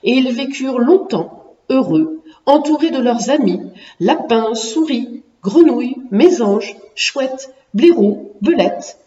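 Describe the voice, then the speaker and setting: Female storyteller, mellow and animated, recorded far off in an echoey room with dull sound. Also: a little high, takes it slowly. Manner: expressive, lively storyteller. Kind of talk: storybook narration. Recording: echoey room, distant muffled mic.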